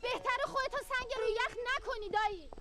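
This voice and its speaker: A woman's voice: extremely high pitch, noisy background. An actress playing a defiant young wife who answers her uncle bitterly in a film drama.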